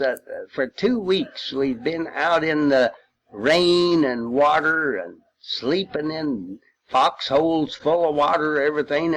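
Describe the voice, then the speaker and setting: On a low-quality recording, an older man with a fairly high-pitched voice reminisces informally about the war he served in. He speaks in a folksy, rambling manner, pausing for long stretches as he hesitates.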